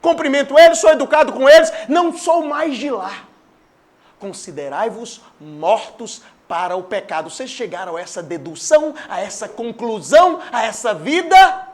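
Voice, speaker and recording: A man preaching a sermon in a church with a Brazilian Portuguese accent, swinging between loud declarations and hushed asides. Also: very high-pitched, animated, moderate pace. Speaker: pastor.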